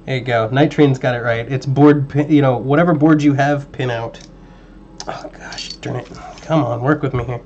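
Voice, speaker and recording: Male streamer, casual and talkative with a slightly hoarse voice, often drifting off-mic while working, slightly muffled home audio. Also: medium pitch, brisk, hardly any pauses, slight background noise. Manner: relaxed, chatty, muttering at parts while working. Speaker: livestream host building a drone. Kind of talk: casual livestream chat while building.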